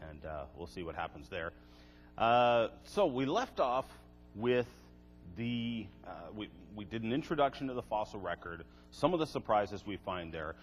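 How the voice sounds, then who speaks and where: An older man giving a lecture to a live audience, with wry, sarcastic asides. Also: on the low side. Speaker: creationist seminar speaker. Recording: echoey hall, faint music.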